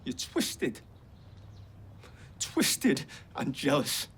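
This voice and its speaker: Soap role: scornful young dad, slightly raised pitch, building into an angry rant. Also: male voice, expressive, normal speed, fairly bright tone, slightly rough, full character voice. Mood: bitter, angry. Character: indignant young father defending his wife against his mother. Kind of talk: naturalistic TV soap acting.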